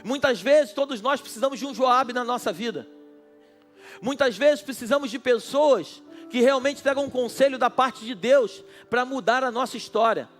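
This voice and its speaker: This is a man with a very high-pitched, fairly bright voice, preaching at a moderate pace over soft background music. He's a pastor at a night church service, impassioned and addressing his congregation directly.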